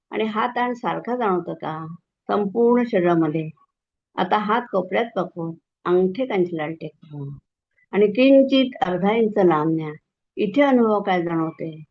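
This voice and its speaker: A woman guiding a meditation and relaxation session, giving slow, soothing instructions and drawing out long chanted words. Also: medium pitch. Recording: dull lo-fi recording.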